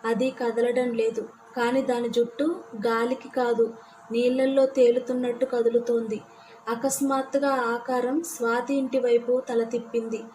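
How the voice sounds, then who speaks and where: Woman, horror storyteller, higher voice, mellow tone, steady delivery. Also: moderate pace, a little hiss or hum, poor audio. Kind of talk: scripted horror narration.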